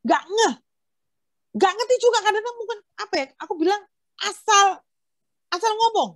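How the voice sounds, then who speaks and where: Young woman doing a chatty youth sermon over a video call, pretty high voice, dry sound, acts out all the dialogue. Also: normal speed, no echo. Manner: lively storytelling, acting out quoted dialogue. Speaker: youth fellowship speaker. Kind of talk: casual online sermon.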